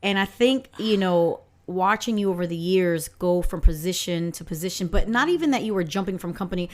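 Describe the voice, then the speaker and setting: A woman's voice: fairly low pitch, animated, fairly quick. Chatty woman podcast host. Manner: friendly, chatty, says "like" and "right" a lot. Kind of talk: casual chat. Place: podcast recording.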